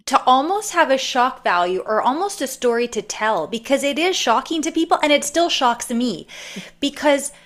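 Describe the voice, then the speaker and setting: This Canadian woman, an author appearing as a podcast guest, speaks in a high, sing-song, somewhat bright voice at a normal pace. She tells a personal story in a chatty, rambling interview style full of fillers.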